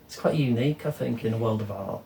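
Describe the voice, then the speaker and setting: A middle-aged man from England talking casually as an interview guest, rambling and relaxed, often ending with "isn't it". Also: on the low side, quick pace, creaky. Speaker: guest artist. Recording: echoey room with faint ambient noise.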